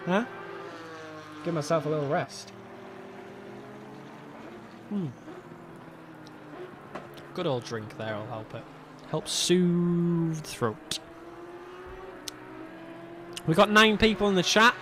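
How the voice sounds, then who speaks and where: Calling a sim race alone, this young commentator has a fairly high voice going slightly hoarse. He chats freely, pokes fun at himself, and laughs a lot. Clear racing car engine sounds from the game run underneath, along with background noise.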